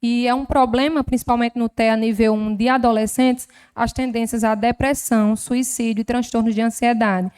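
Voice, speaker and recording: Smooth, slightly high Northeastern Brazilian woman lecturing. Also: fairly even intonation, normal speed, hardly any pauses, darkish tone. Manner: didactic, explains with examples and diminutives. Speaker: health professional giving a talk. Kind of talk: lecture at a formal council session. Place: legislative chamber.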